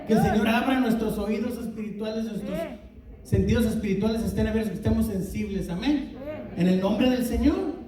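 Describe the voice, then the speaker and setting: A man's voice: high voice, a crowd in the background. A man with a Rio Grande Valley Tex-Mex accent preaching a sermon, firing questions at the congregation. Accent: Tex-Mex Spanish of the Rio Grande Valley. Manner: asks the congregation many questions, quick and lively. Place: church sanctuary. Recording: echoey church hall from a distant mic.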